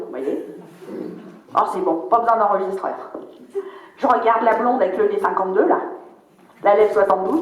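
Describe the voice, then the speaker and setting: This stand-up character monologue features a woman whose voice runs high with a darkish tone and a light touch of acting. She portrays a spiteful, crude old grandmother, foul-mouthed and delighting in mockery, and the room sounds dull and echoey.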